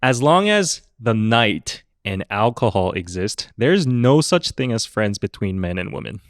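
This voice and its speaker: A man in his thirties hosting a relaxed group chat, easygoing and quick to laugh as he reads out figures. His voice is recorded dry and close, with little room sound. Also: fairly low pitch, no echo. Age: 30s. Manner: laid-back, laughs often, reads out survey figures. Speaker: podcast host. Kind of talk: casual chat.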